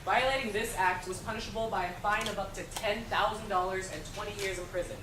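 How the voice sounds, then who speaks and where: A woman's voice: mid-range voice, fast. A woman reading scripted historical narration. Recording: echoey, distant, clear background noise.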